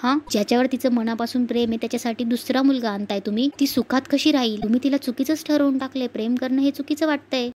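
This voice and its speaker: A woman voicing a steady young woman defending herself. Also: fairly high pitch, fast, hardly any pauses, a little hiss or hum, close to an everyday voice. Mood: defensive.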